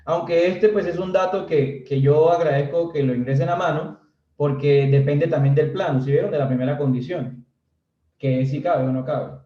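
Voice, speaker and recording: A man with a fairly high, dark-toned voice gives a casual, chatty civil engineering lecture at a moderate pace. He jokes with his students and keeps checking they follow with "¿sí?". The recording is dull and roomy, captured far from the mic.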